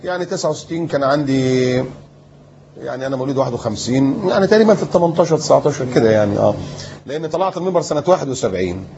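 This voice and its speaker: A man's voice: medium pitch, racing, lo-fi sound, noisy background. A man in his fifties with an Egyptian accent, a preacher telling his story in an interview and acting out what people said to him. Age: 50s. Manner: lively storyteller who acts out remembered talk. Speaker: preacher and guest.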